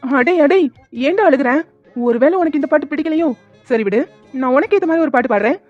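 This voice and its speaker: A woman's voice: high voice, expressive, brisk, soft background music. A woman voicing a playful young uncle in a cartoon who sings badly and jokes around with the family. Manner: teasing, joking. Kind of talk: cartoon voice acting. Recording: dull lo-fi recording.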